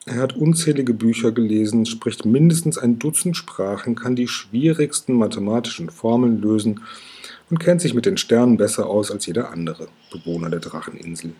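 A man narrating a children's story in a calm, even way. His voice is dark and warm, with a strong breathy husk. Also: medium pitch, moderate pace.

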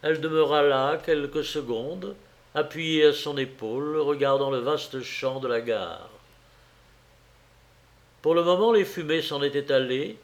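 A man narrating a classic novel as an audiobook, with a measured, expressive delivery. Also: medium pitch. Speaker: audiobook reader.

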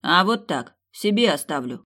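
A woman's voice: fairly low pitch, sing-song, moderate pace, fairly bright tone. A woman voicing a defiant, protective young serpent man in an audiobook. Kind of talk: audiobook character voice.

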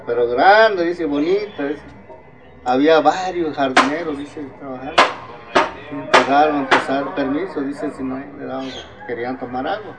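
A man's voice: fairly high pitch, moderate pace, over loud music, poor audio. An older man from Mexico with an Oaxacan Spanish accent, retelling an oral folk legend, constantly repeating "dice" as he quotes the characters. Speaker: oral tradition storyteller.

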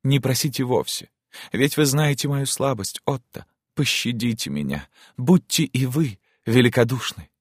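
A lively countess, teasing one moment and indignant the next, as a male reader puts her on in a raised, bright pitch. The voice sits close and dry in a storybook reading. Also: normal speed, husky, dry recording. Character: spirited warm-hearted countess, woman. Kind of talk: audiobook character reading.

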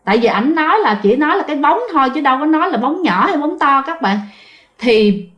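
A woman's voice: high voice, lively intonation, a little fast, a bit bright, lo-fi sound. A woman with a Southern Vietnamese accent, casually telling a ghost story and speaking straight to her listeners. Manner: chatty, addresses listeners directly, frequent fillers.

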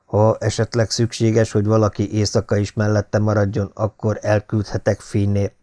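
A man's voice: on the low side, monotone, warm tone, close to an everyday voice. A man voicing a genial lord who jokes easily in an audiobook. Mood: kindly. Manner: easygoing, teasing. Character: genial, joking older male lord. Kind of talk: audiobook character reading.

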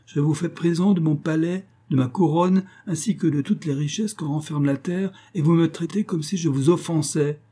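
Boastful possessive underworld king, coaxing and smooth, as a male storyteller puts him on, higher than his narrating, husky. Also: moderate pace, hardly any pauses, dark tone. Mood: stern. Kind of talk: storybook reading.

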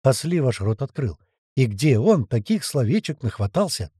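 A man narrating an audiobook in the first person, in an expressive, colloquial storytelling manner. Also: mid-range voice, moderate pace, slightly rough, no echo, clean studio sound.

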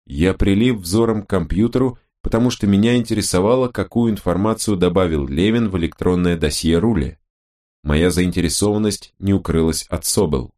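A man giving a first-person audiobook narration in a measured, even reading style. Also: deep voice.

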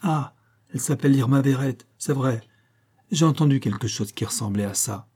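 A man's voice: mid-range voice, normal speed, warm tone, breathy edge, natural voice. A man voicing a short, cheerful young male actor who talks in a jovial, offhand way in an audiobook.

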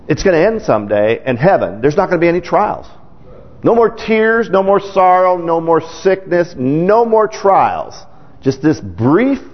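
A middle-aged male preacher giving a casual, talky sermon, often checking in with his listeners. His pitch moves a lot, jumping up when he acts out anxious voices. The dull, lo-fi recording carries the long reverb of a church hall. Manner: chatty, checks in with the congregation often. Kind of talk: conversational sermon.

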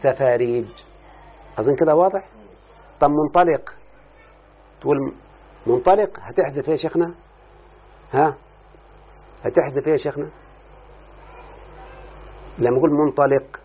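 A husky-voiced man teaches a grammar lesson. He keeps asking his listener questions as he explains. The sound is thin and muffled, like a phone line. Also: on the high side, normal speed, long pauses. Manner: questioning, repeatedly addressing the listener. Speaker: teacher of Arabic morphology. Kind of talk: classroom lesson explaining a text.

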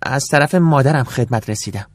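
A man's voice: mid-range voice, animated, no room sound, clean studio sound, voice pushed up, lightly acted. A man voicing a shy, hesitant sixteen-year-old boy in an audiobook. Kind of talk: audiobook character voice.

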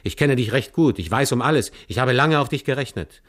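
A man voicing a rough, commanding male forest robber in an audiobook, gruff and blunt. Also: lowish voice, big pitch swings, moderate pace. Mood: hearty. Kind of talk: audiobook character voice.

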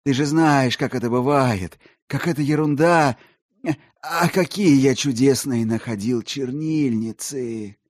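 A wild-eyed, rambling male collector, his voice climbing high and getting loud as he pleads and nearly shouts, performed by a man reading a story. The sound is dry and close. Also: unhurried, no room sound, lightly acted. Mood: feverish. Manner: feverish, pleading, rising to near shouts.

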